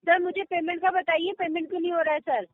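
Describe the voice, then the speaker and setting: A woman's voice: very high voice, steady tone, quick pace, no room sound. A woman calling about an unpaid loan, polite but firm, saying "sir" again and again. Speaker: loan recovery caller. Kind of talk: phone call. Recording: tinny phone line.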